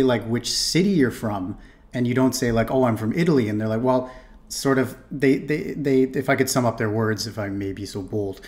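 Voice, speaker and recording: A young Canadian man chatting casually in a reaction video, making laughing asides and often repeating words, recorded in a small room on a desk mic. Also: mid-range voice. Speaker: reaction streamer.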